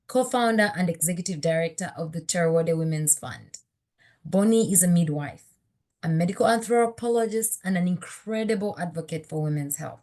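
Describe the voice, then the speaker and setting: A woman's voice: fairly low pitch, a little mellow. A woman from Uganda, a board member, reading a prepared speech at a virtual event and introducing the next speaker. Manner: formal, reading a prepared speech with small slips.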